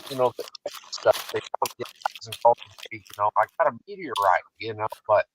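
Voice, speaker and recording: A man's voice: lowish voice, lively intonation, fairly quick, fairly bright tone. A man calling in to a show, talking casually with rambling fillers, his call fading in and out through static. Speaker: caller. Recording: dull lo-fi call line.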